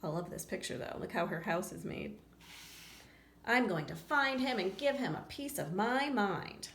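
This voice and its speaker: A mid-range female voice at a moderate pace reads a children's picture book with lots of expression. She acts out the characters and stops for easygoing asides to the kids listening. A roomy echo and faint background noise are present.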